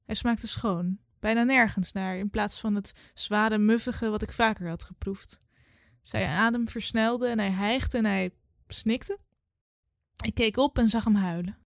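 A woman in her twenties reading her own literary story aloud in a calm, measured way. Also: mid-range voice, creaky, no echo, studio quality. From Netherlands. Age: 20s.

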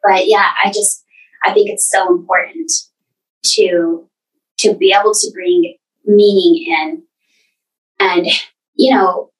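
A woman guest telling her personal story earnestly, with halting restarts. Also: mid-range voice, distant mic, poor audio. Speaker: podcast guest.

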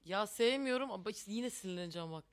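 A woman's voice: medium pitch, expressive, quick pace. A woman co-hosting a casual panel chat, giving blunt, direct advice. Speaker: co-host.

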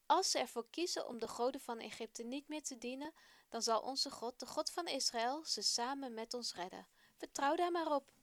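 A calm, reassuring Israelite father from a children's storybook, read by a woman. He speaks in a gentle, steady way. The sound is dry and close. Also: high voice, moderate pace, no room sound, voice pushed up.

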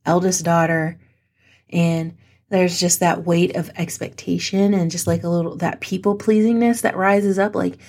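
A woman's voice: fairly low pitch, steady tone, moderate pace, a little mellow. A young adult woman hosting her own podcast, chatty and playful with a self-mocking streak, a little teary. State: teary, emotional. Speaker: podcast host. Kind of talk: casual solo podcast chat.

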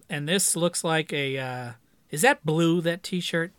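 Male co-host from Greater Boston, crisp bright tone, wry and profane. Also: on the high side, takes it slowly, dry recording. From Greater Boston area. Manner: joking, wry, swears for laughs. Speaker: podcast co-host. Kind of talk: casual chat.

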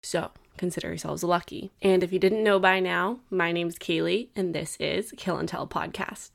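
Young female podcast host, chatty and rambling, with fry in her voice. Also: on the low side, fairly even intonation, normal speed. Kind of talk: casual chat.

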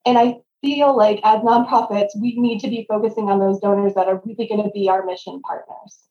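A woman with a very mellow, slightly high voice talks as an interview guest in a conversational style. The recording is noticeably echoey and a little dull. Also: fairly even intonation, a little fast. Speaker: podcast guest, nonprofit fundraising consultant. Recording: roomy, slightly dull lo-fi sound.

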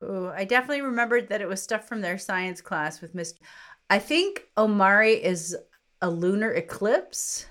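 A woman's voice: medium pitch, animated, normal speed, fairly bright tone. A woman co-hosting a podcast, a teacher who chats playfully and laughs often. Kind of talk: casual podcast chat.

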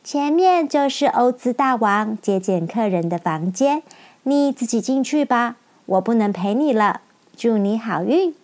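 Lady doing a kind young girl, soft and friendly, storybook voice. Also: fairly high pitch, lively intonation, a little slow. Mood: gentle. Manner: friendly, gentle.

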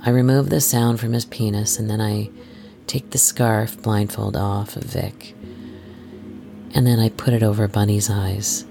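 Over background music, a storyteller hosting an adult story series delivers scripted first-person narration that is soft and intimate, hushed and measured, sometimes slipping into breathy whispers. The voice sits at medium pitch with fairly even intonation.

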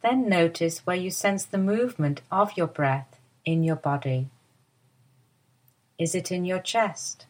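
A woman giving soft, soothing guided instructions for a body-awareness lie-down. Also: lowish voice. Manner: soft, slow, soothing guidance. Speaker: movement teacher guiding a lie-down.

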